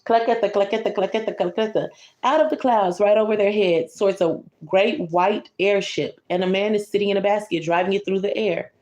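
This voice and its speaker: Heard through lo-fi sound in an echoey room, a woman with a mid-range, slightly mellow voice reads a bedtime picture book a little fast. She pauses for casual asides, explaining the illustrations and commenting to the child.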